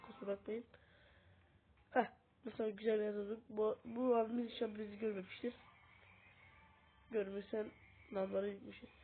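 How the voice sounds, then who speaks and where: With a mid-range, level voice, a little fast and broken by long pauses, a sick woman chats through gameplay commentary as she teaches a mobile game. This gaming host keeps greeting viewers as friends, and her tablet's built-in mic gives the recording a tinny, hissy lo-fi quality.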